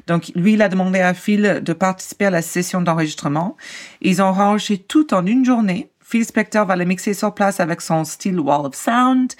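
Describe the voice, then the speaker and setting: A woman co-hosting a podcast, telling a true-crime story in a casual, animated way and often laughing mid-sentence. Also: mid-range voice.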